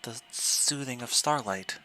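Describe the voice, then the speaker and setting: A man's voice: medium pitch, unhurried, bright, forceful tone, faint music behind, rough recording. A man streaming a video game, reading story text aloud and adding casual commentary.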